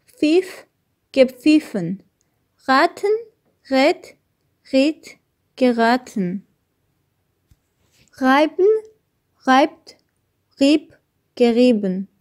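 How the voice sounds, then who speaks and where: A woman teacher reading out verb forms one by one for learners, slow and deliberate, with each first form pitched up and each last form dropping low. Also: a little mellow. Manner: slow, deliberate listing with a pause after each word. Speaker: language teacher.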